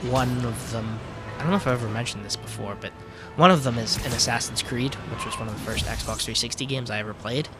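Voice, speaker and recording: A man's voice: mid-range voice, quick pace. Man, let's play commentary, swears a lot, offhand and chatty, game music behind. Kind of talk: casual gameplay commentary.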